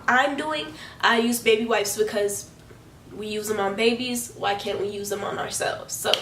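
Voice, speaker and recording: A young woman beauty and hygiene vlogger chats casually to camera, sounding stuffy from a cold and rambling with frequent restarts and fillers. Her voice is medium-pitched, recorded from a distance and a bit off-mic in an echoey room, with a little hiss or hum.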